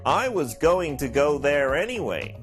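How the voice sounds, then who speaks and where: A man voicing a friendly young male traveler in a recorded practice dialogue, speaking slowly and deliberately for learners. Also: a little high, big pitch swings, music in the background, full character voice. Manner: clear, slow, deliberate delivery for learners.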